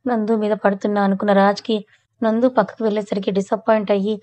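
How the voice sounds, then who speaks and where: A woman reading a romantic family story aloud in a steady, even way as narrator. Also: mid-range voice, fast talker. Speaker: story reader.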